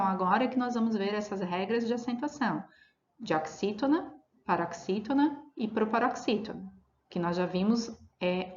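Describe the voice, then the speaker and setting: A woman teacher explaining grammar rules in a recorded lesson, reading example words slowly and checking in with her students as she goes. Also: mid-range voice, darkish tone. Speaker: Portuguese teacher. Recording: roomy, dull lo-fi audio.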